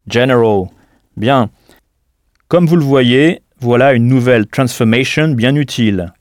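A man's voice: medium pitch, unhurried, no echo, studio quality. A man teaching a scripted audio language lesson, patient and didactic, prompting the listener to answer.

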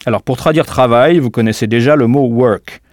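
This scripted audio language lesson comes from a male teacher whose mid-pitched voice is a little mellow. Recorded dry in a studio without any room around him, he speaks deliberately and slowly, spelling words letter by letter.

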